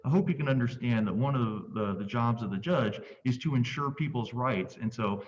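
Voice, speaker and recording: A man presiding as judge over a virtual court hearing, speaking in a measured, polite, procedural way. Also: mid-range voice. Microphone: video call. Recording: muffled distant video call audio.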